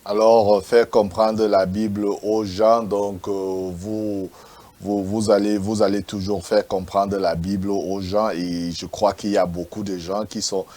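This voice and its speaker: A man's voice: lowish voice, little pitch movement, unhurried, dark tone. Stammering male interviewer. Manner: stammering, repeats words, many fillers. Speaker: interviewer, host.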